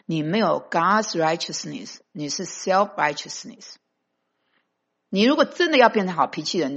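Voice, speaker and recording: A woman with a husky, somewhat low voice preaches a sermon. She speaks with emphasis and drops English phrases into her talk. The recording is dull and lo-fi.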